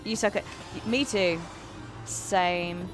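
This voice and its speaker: Slow-talking woman streamer in her thirties. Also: on the low side. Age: 30s. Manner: chatty, answers chat, swears and exclaims at the game. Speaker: game streamer. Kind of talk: live gameplay commentary. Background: faint game music.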